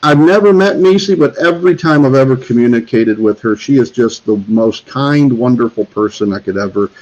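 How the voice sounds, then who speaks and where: Fairly quick and a little mellow, his medium-pitched voice comes through slightly dull lo-fi sound. He hosts a homesteading livestream from Northeast Florida, reading out holiday cards and chatting in a rambling way with lots of fillers and restarts.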